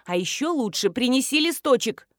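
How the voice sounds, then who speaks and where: A bossy, impatient rich blogger from an audiobook, as a woman narrator puts her on. She snaps and hurries others, fairly high, lively and dry. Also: normal speed, dry recording. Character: bossy brisk female millionaire blogger.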